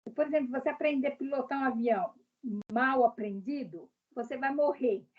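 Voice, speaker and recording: A woman's voice: sits high, brisk, slightly rough, narrow, tinny audio. A woman from Brazil, a guest in a casual interview, speaking directly and explaining her views with examples.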